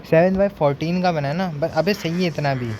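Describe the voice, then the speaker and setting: A man's voice: a little high, normal speed. Young man, gaming streamer, casual commentary, counts aloud, mixes in English, noisy background. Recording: noticeable background noise.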